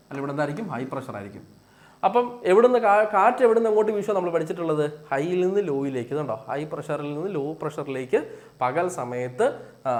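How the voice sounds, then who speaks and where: A man's voice: high-pitched, a bit bright. A man teaching an exam-prep lesson with a Malayali accent, asking questions and answering them himself and repeating key points.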